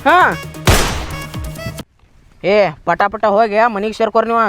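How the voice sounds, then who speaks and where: A man's voice: high voice, measured pace, lo-fi sound, over music. A man with a North Karnataka Kannada accent in a comic sketch, earnestly warning another villager. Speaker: sketch actor.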